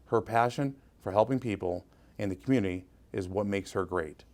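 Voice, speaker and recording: Low-voiced man reading a tribute. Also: moderate pace, a little mellow. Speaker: award presenter.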